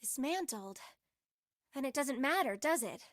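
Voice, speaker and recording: A young woman in a video game with a high, dry-sounding voice. She is inquisitive and insistent, laying out facts plainly. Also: animated, unhurried, dry recording. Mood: insistent, questioning. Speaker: video game character voice actor. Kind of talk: English game dub dialogue.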